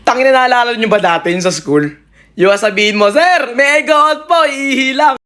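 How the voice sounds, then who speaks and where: A woman's voice: on the high side, moderate pace, fairly bright tone, voice pushed down, close to an everyday voice. A woman in a comedy clip, telling a school story while laughing. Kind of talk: comic storytelling.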